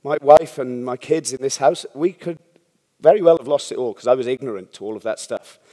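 A man's voice: medium pitch, a little fast, warm tone. A man, a startup founder, giving a candid, rambling talk at a conference, often checking in with the audience. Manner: rambling, frank, swears casually, asks audience "yeah?". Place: conference hall. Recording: long hall reverb.

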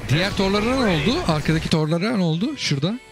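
A man's voice: high-pitched, lively intonation, racing, background noise. A man hosting casual commentary over viewers' game replays, chatty and asking the listener again and again whether they get it. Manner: chatty, keeps asking "you get it?" and calling the listener brother.

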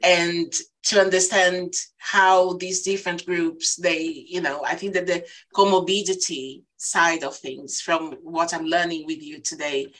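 Lower-voiced woman. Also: steady tone, a little slow, hardly any pauses, fairly bright tone, poor audio. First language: Portuguese. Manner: thoughtful, hesitant, frequent restarts. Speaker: panelist. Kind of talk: panel discussion on a video call. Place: small room indoors. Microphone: laptop webcam mic, video call.

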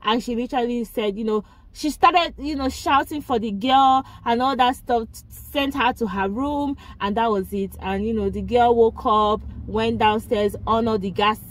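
A woman's voice: on the high side, moderate pace, hardly any pauses. A woman, chatting casually as she reviews a movie, laughing often and asking viewers questions.

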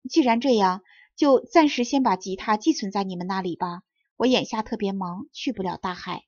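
A woman voicing a mild, gently teasing young man who plays guitar. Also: medium pitch, moderate pace, no room sound, muffled recording, lightly acted. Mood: gentle.

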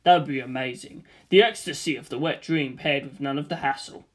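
A reader voicing a crude male video-game buddy, deadpan and drawn-out, in a comic screenplay. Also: mid-range voice, voice pushed down, close to an everyday voice. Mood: deadpan musing. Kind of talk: comic screenplay read-aloud.

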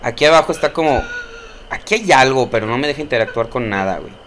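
A man's voice: medium pitch, expressive, quick pace, a bit bright. A young Mexican man talks through a horror game with a mid-range voice, swearing freely and yelping at every scare. He keeps up a running, jumpy commentary and scolds the characters on screen. A faint hum of noise sits behind him. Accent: Mexican Spanish. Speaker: gameplay streamer.

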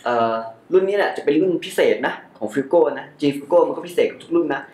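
A man's voice: on the high side, animated, brisk, a little mellow. A young man giving a casual unboxing commentary as a tech reviewer, chatty and joking about his own mispronunciations. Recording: echoey room.

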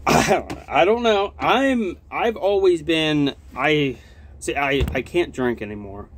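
In a cramped, cluttered room with log walls, a young guy with dip packed in his lip takes his time reviewing a product on his vlog. He rambles and curses freely in an animated, higher-leaning voice, and a little background noise is present.

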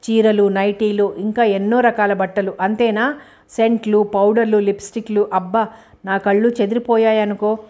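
A talkative, fond middle-aged mother, read by a woman narrator in an audiobook. She chatters on in a gossipy way at a middle pitch. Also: level tone, moderate pace, darkish tone, natural voice.

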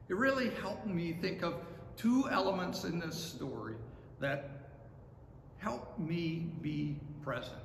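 A man in his sixties preaches in a slow, deliberate way from the pulpit of a large, empty sanctuary. His voice sits high for a man and carries a long, echoing reverb, with a faint room hum underneath. He is heard from a camera set some way back. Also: gravelly, fairly bright tone. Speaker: pastor. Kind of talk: sermon. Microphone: far camera.

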